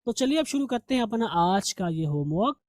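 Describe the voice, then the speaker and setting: Male teacher, warm and dry, patiently walks through grammar rules in a recorded lesson. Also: high voice, big pitch swings, a little fast, no room sound. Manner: explains step by step, asks and answers his own questions.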